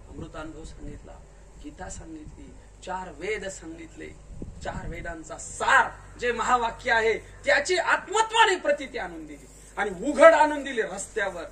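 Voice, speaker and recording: Man, very high bright voice, spiritual discourse, quizzes the crowd, distant mic, faint hiss. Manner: questions the audience and urges them to answer louder. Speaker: kirtankar preacher. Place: large tent at a gathering.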